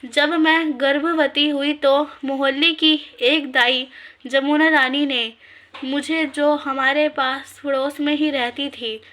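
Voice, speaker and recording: A woman reading a story aloud in a measured, scripted narration. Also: sits high, steady tone, bright, forceful tone.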